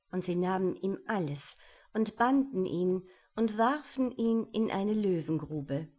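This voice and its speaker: A woman reading a fairy tale aloud in a calm, measured way. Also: mid-range voice.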